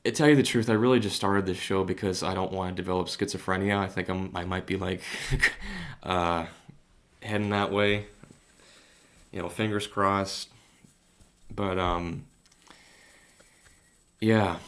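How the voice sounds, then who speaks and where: A man's voice: low voice, steady tone, measured pace, pauses often. A young man hosting a solo podcast monologue. He rambles and hesitates with many fillers, and speaks earnestly with rising heat. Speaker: podcast host.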